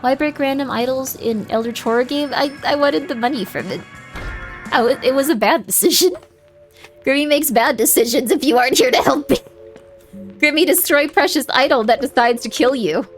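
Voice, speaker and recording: A woman with a high-sitting voice talks at a moderate pace while livestreaming, chatting casually and playfully and reacting aloud to the game she's playing. Video game music sits prominently behind her.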